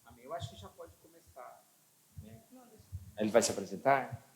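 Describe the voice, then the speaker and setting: A man's voice: medium pitch, very animated, moderate pace, creaky, a little hiss or hum. A man leading a church meeting, prompting guests to speak and the congregation to answer. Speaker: church host. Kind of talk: church talk.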